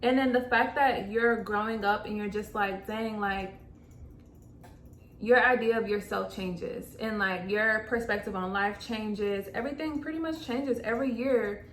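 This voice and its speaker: A woman's voice: mid-range voice, a little slow, a bit bright. A woman in her twenties chatting casually while doing makeup, filling her talk with "like" and restarts. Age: 20s. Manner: chatty, lots of "like" fillers. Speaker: makeup vlogger. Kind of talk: casual chat. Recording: echoey room with faint noise.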